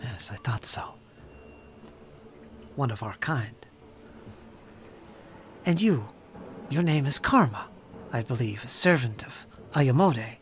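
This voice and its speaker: A man voicing a friendly, tattooed female elf adventurer in a tabletop game, speaking calmly and courteously, sometimes in a whisper. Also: medium pitch, slow, long pauses, a little hiss or hum. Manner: calm, courteous, at times whispered.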